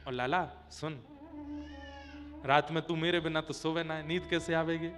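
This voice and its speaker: A male preacher voicing a loving, worried mother, speaking softly and tenderly. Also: fairly high pitch, fairly even intonation, moderate pace, pitched below the performer's own voice, lightly acted. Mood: fussing. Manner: soft, tender, fussing. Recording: long hall reverb with faint music.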